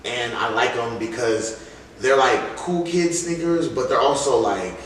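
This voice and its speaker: A man interviewed as a music artist tells casual stories full of slang and emphasis, delivered in an animated way. His mid-range voice moves a little slowly. The recording has a distant mic in a very echoey room with some faint noise.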